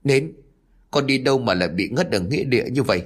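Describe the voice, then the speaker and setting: A man's voice: medium pitch, animated, fast, breathy edge, pitched above the performer's own voice. A man voicing a worried village father who asks questions in an anxious, imploring way.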